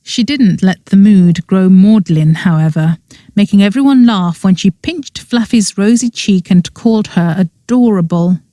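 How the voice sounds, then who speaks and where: A woman reading as a cozy mystery audiobook narrator, in expressive scripted storytelling. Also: mid-range voice, a little slow, dry recording.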